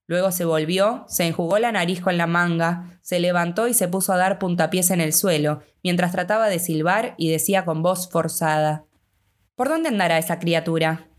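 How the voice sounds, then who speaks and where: A woman with a Rioplatense Spanish accent reading an audiobook in a steady, measured way. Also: on the low side. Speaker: audiobook narrator. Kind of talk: scripted narration.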